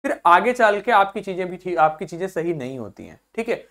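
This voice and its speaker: A man's voice: high-pitched, expressive, brisk, a bit bright. A man teaching a vocabulary lesson to school students, mixing English and Hindi, breaking words into syllables and repeating each one several times while checking in with the class. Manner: peppers speech with "theek hai" checks to the class.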